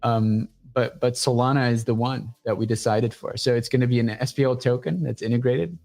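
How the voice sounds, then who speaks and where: A man talking as a guest on a casual livestream show, pitching his startup in a blunt, profane, energetic way. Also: brisk, creaky.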